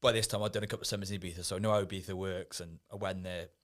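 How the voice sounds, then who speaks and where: A man's voice: sits low, fairly even intonation, rapid-fire, a bit bright. A man as a podcast guest, telling rowdy stories in a laddish, casual way, swearing freely and laughing along. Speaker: podcast guest, former Ibiza events worker. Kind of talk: casual storytelling chat.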